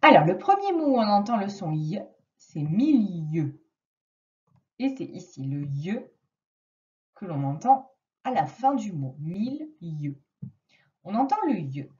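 A woman teaching a reading lesson to a young child, slowly and patiently stressing each sound. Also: medium pitch, sing-song, distant mic, lo-fi sound. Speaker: primary school teacher.

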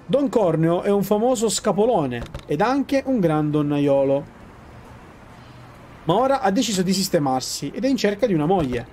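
A man's voice: high-pitched, big pitch swings, moderate pace, dark tone, a little hiss or hum. A man reading aloud the lines of a smug male club doorman in a video game, delivered as mocking sales patter.

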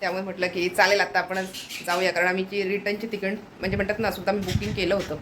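A chatty woman from the Konkan talks quickly to her viewers, rambling and laughing often. Her phone recording carries clear background noise. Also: medium pitch, little pitch movement. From Konkan, India. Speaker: vlogger. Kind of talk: casual home vlog talk.

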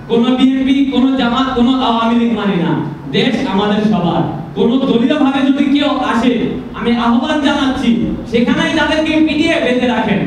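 A young student speaker giving a fiery, exhorting speech into a handheld mic at an indoor meeting. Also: male voice, extremely high pitch. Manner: fiery, exhorting, rising to shouts. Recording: echoey hall, mic at a distance, crowd behind.

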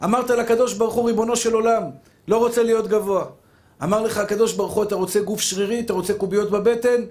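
A rabbi delivers a fervent sermon in a strikingly high male voice. He keeps calling his listeners dear brothers and throws rhetorical questions at them. He acts out dialogues between the soul and God. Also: fairly even intonation, darkish tone. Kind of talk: spoken Torah lesson, sermon.

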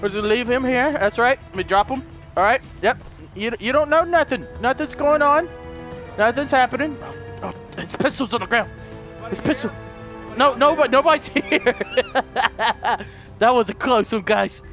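A man hosting a gaming video, giving frantic gameplay commentary, excitable, shouting and cursing at the game. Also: very high-pitched, moderate pace, soft background music.

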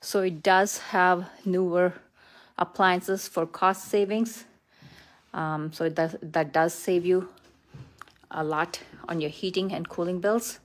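A woman's voice: fairly low pitch, fairly even intonation, takes it slowly. A middle-aged woman, a real estate agent, giving a casual, unscripted house tour with upbeat praise for what she shows. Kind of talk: casual, unscripted walk-through tour narration. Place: indoors, walking through a house. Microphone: handheld phone.

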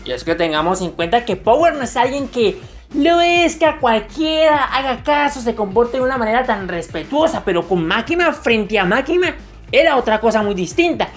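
Slangy high-voiced woman narrating anime commentary. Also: big pitch swings, moderate pace. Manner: slangy, jokey, crude humor. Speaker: anime video essayist. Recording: faint music under the voice.

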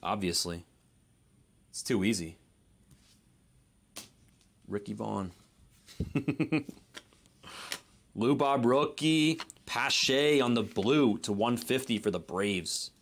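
A man's voice: on the low side, expressive, slow pace, gravelly, long pauses. A man hosting a live card break, giving easygoing running commentary and second-guessing how to pronounce names. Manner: easygoing running commentary, unsure of name pronunciations.

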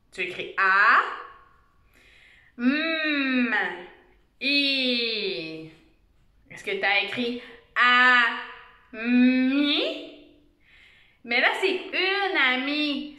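Une enseignante à l'qui dicte une phrase à de jeunes enfants, en détachant chaque syllabe d'une voix chantante. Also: female voice, sits high, pushed and bright. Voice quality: slow, sing-song, exaggerated enunciation. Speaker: teacher. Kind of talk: dictation lesson for young children. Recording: echoey room.

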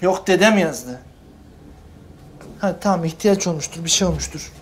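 A man's voice: on the high side, animated, moderate pace, slight background noise, close to an everyday voice. An actor rehearsing a touchy, sarcastic young man who accuses his family of taking his money. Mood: accusing. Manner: sarcastic, defensive. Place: indoor film set.

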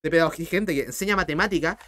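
Young Chilean male tutor, high voice, blunt, fired-up livestream talk. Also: pushed and bright. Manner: blunt, impassioned, talks fast. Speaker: math tutor streamer.

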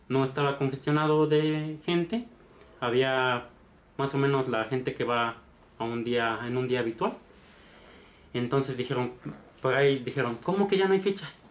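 A Mexican man retelling a story in a chatty, meandering way, often ending with a questioning tag. His voice sits at a middle pitch. The recording has a noticeably roomy echo. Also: moderate pace. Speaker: vlogger. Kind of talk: casual storytelling.

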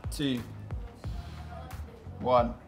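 A young man co-hosting a casual football chat, excitable and full of playful banter. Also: drawn-out words, faint music behind. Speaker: co-host.

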